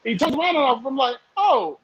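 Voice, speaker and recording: A man's voice: high-pitched, normal speed, fairly bright tone, dry recording, muffled recording. A man in his thirties from the southern United States, chatting loosely as a podcast guest with lots of fillers. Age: 30s. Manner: rambling, lots of fillers, laughs often. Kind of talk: casual podcast chat.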